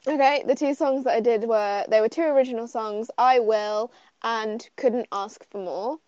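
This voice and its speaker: A woman's voice: on the high side, normal speed, darkish tone, clean tone, no echo. A young woman, a singer guest on a podcast, chatting in a giggly, chatty way. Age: young adult. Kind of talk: casual chat. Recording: dull lo-fi sound.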